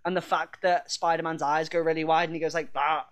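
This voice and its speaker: A man's voice: fairly high pitch, flat delivery, brisk, a bit bright. A man co-hosting a podcast, chatting casually, rambling, laughing and swearing now and then. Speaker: podcast co-host. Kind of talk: casual chat.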